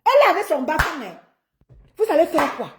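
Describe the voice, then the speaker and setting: A woman with a Cameroonian French accent talking casually on a live stream, animated and teasing, laughing often and greeting her viewers by name. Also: high-pitched, brisk, slight background noise.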